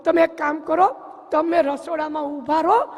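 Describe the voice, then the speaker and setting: A man's voice: extremely high pitch, normal speed, long reverb tail. A man voicing a cheeky male house servant who gives sly answers to his master.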